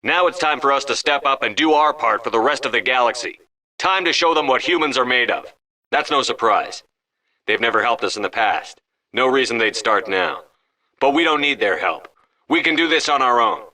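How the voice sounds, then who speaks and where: Commander Shepard, forceful starship commander. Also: male voice, medium pitch, lively intonation, moderate pace. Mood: rousing, determined. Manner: firm, commanding, controlled delivery. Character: resolute human male starship commander, stern and steadfast. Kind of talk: video game voice acting.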